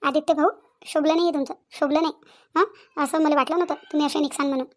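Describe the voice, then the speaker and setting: A woman's voice: high-pitched, steady tone, fast talker, close to an everyday voice. A woman voicing a chatty young sister-in-law in a village cartoon, bickering and confronting.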